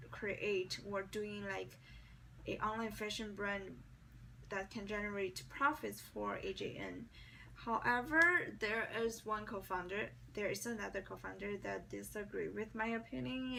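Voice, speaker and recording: Recorded on a distant mic with faint noise behind her, a young woman from China practices mock job interview answers in accented, non-native English. She restarts frequently and fills pauses a lot, and her medium-pitched voice is a bit bright, with vocal fry.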